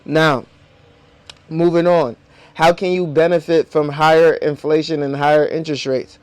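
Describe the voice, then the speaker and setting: A man's voice: on the high side, steady tone, normal speed, clean tone, no room sound. A man speaking with dental braces that slightly impede his articulation, explaining things to viewers as a video host. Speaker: host of a personal finance video.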